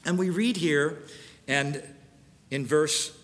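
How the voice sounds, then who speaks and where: A man's voice: on the high side, a bit bright. Man preaching in a reverberant church. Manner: earnest preaching, pausing to read verses aloud. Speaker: pastor. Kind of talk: sermon with scripture reading.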